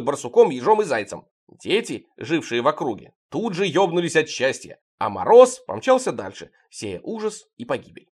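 A man narrating a surreal novel as an audiobook in a wry, expressive way. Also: a little high. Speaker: audiobook reader.

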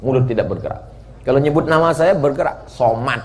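A man preaching a sermon at a mosque gathering, jokey and animated, swinging from loud shouts to near-whispers. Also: medium pitch, brisk, a little hiss or hum. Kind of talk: sermon at a mass religious gathering. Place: mosque event.

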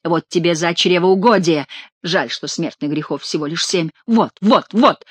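A woman reading an audiobook, voicing a sharp-tongued, vengeful male jester who shouts gleeful mockery. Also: fairly low pitch, a little slow, slightly rough, dry recording. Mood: gleeful scorn.

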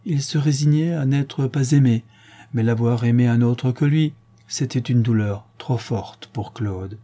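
A man narrates a classic novella in a measured, expressive way. His voice is mellow and warm, with a husky, slightly rough texture. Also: mid-range voice. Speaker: audiobook narrator. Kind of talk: reading a 19th-century novella aloud.

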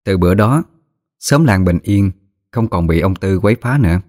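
Deep-voiced man telling a ghost story. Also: animated, normal speed, darkish tone, dry recording, studio quality. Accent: Southern Vietnamese.

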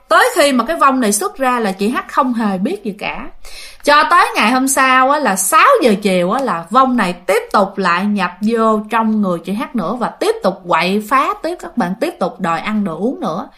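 A woman's voice: on the high side, animated, moderate pace, sharp tone. Chatty woman storyteller. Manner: chatty, addresses listeners, many fillers. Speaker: ghost story narrator. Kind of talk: casual spoken storytelling.

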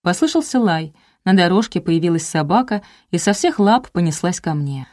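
A woman narrating a detective novel in the first person, with even, wry storytelling. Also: lowish voice, moderate pace. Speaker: audiobook narrator.

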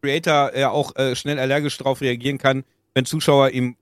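A man co-hosting a podcast, chatting casually about streaming, speaking haltingly with many restarts. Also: medium pitch, flat delivery, clean tone, no room sound, clean studio sound. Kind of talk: casual chat.

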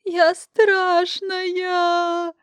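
A woman's voice: little pitch movement, drawn-out words, dry recording, exaggerated voice. A woman voicing a pampered young princess who sobs and shrieks in indignant outbursts. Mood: wailing. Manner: shrill, sobbing outbursts.

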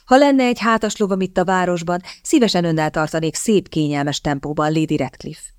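A woman's voice: lowish voice, clear, resonant tone, dry recording, clean studio sound, lightly acted. A woman reading the lines of a shrewd, charming young lady in an audiobook, polite and calculating. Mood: sweetly scheming.

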